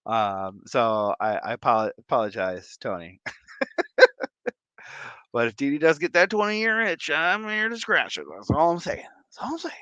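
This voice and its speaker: A man hosting a casual livestream, greeting viewers in an excitable, effusive way and laughing often. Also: medium pitch, measured pace, clean tone, no room sound, dull audio. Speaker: livestream host.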